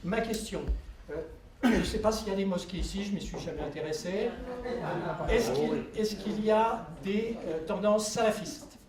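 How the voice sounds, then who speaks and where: Audience guy asking a question, hesitant, fairly high voice, far off mic, crowd noise, echoey. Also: moderate pace. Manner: hesitant, with fillers. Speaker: audience member. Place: conference hall. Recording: distant, echoey, crowd behind.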